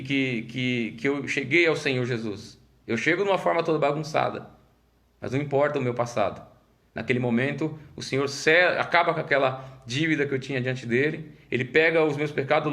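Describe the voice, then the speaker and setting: A man's voice: mid-range voice, a bit bright. A man with a Brazilian Portuguese accent, a pastor teaching a conversational Bible study who acts out the story's dialogue and often repeats words while he thinks.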